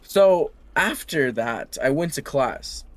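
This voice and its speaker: A young man with a mid-pitched voice recounts a personal story on a podcast. He stops and restarts often, keeping a casual, chatty tone. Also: animated. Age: young adult. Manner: halting, anecdotal. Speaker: podcast co-host.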